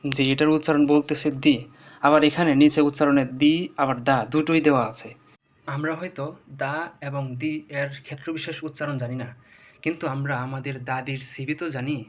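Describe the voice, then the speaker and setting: A man with a slightly high voice gives a patient lesson. He spells words out and works through one example after another. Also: little pitch movement, brisk. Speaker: English teacher. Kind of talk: explanatory lesson.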